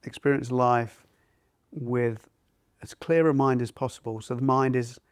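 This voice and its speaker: A man who teaches mindfulness, talking it through in a relaxed conversation and feeling his way toward each idea. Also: mid-range voice, a little slow, no room sound, clean studio sound. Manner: thoughtful, searching for words. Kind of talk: conversational discussion.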